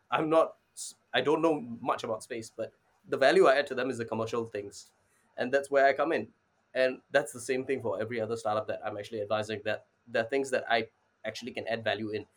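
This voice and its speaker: A man in his twenties from Singapore, a startup advisor, appears as an interview guest. With a medium-pitched, fairly bright voice, he answers casually and keeps saying "you know."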